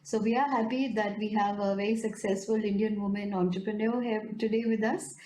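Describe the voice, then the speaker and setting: A woman's voice: mid-range voice, fairly even intonation, brisk, mellow. A woman hosting an interview, greeting formally and affirming her guest often. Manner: frequent affirming backchannels, formal polite address. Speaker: host. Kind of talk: hosted interview. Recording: echoey room with faint noise.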